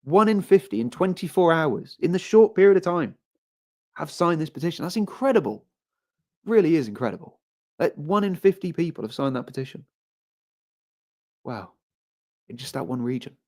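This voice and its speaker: A man's voice: fairly high pitch, animated, normal speed, pauses often, darkish tone. A man hosting a live stream, rambling through casual commentary and reading viewer comments aloud, often repeating himself. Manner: rambling, repeats phrases, frequent restarts. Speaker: livestream host.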